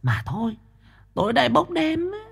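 A greedy young female spirit in a told ghost story, whispering her schemes in a thin, very high voice. She speaks with a wheedling, giggly manner, as a man puts her on. The voice sits far above the teller's own. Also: huge pitch swings, normal speed, gravelly, breathy edge, exaggerated voice. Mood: scheming whisper.

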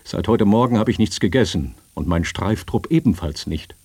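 A man voicing a gruff, hungry German army sergeant with a guttural, forceful voice, barking his demands. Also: on the low side, expressive, moderate pace, no room sound. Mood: pleading.

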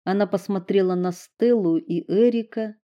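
A woman narrating an audiobook in a slow, measured reading. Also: mid-range voice, lo-fi sound.

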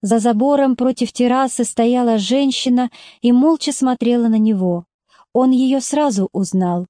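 A woman narrating a story aloud in a measured, steady way. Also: fairly high pitch, dry recording, studio quality. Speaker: reader. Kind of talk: audiobook narration.

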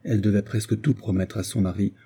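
Dark-voiced male audiobook narrator. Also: on the low side, steady tone, fast, husky. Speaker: audiobook reader. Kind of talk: scripted narration of a novel.

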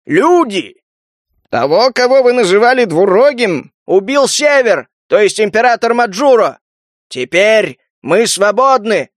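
A man voicing a clever young mutant who loudly addresses a crowd in an audiobook. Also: high voice, very animated, a little slow, no room sound, clean studio sound. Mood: rousing.

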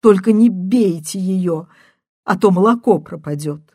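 A woman's voice: unhurried, a little mellow, dry recording, studio quality, natural voice. A woman reading an audiobook and voicing a distraught, deserted wife who pleads and sobs on a phone call. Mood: frantic, tearful. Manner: shrill, pleading, sobbing.

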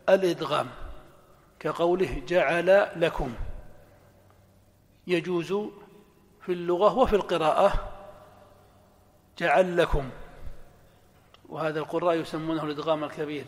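A male scholar giving a classroom lecture on grammar, explaining a text slowly and deliberately and repeating each example aloud. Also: on the high side. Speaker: Islamic scholar teaching grammar. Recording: long reverb of a lecture hall.

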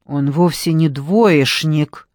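A flustered, apologetic shop worker, speaking hesitantly in a lowered, muffled voice, as a female reader puts her on. The audiobook recording is dry and close. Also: expressive, moderate pace, a little mellow, dry recording, natural voice.

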